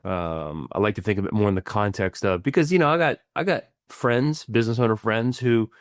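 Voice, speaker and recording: This expressive, lowish male voice moves fairly quickly, recorded in a clean studio with no echo. It belongs to a middle-aged man co-hosting a podcast as a financial planner, who explains ideas casually with stumbling restarts and many "right?" tag questions.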